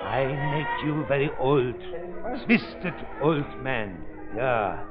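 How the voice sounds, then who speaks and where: Gloating, very old mad scientist. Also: male voice, medium pitch, animated, slow. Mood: gloating, sinister. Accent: foreign-accented English. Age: older. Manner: gloating, cackling, broken English. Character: very old man, cruel boastful mad scientist. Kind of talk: 1930s radio melodrama acting. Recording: dull old 1930s radio recording, organ music.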